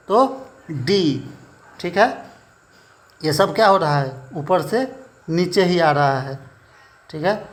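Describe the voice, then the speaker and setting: A man teaching a shorthand class, explaining slowly and checking in with "theek hai" after every point. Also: high-pitched. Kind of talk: classroom lesson.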